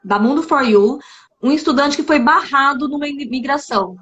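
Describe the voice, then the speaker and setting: Hosting a relaxed live stream for an exchange agency, a woman from Brazil speaks at normal speed in a high, somewhat bright voice, often adding "né?" in her upbeat, chatty manner. The lo-fi audio is a bit dull, with a little hiss or hum.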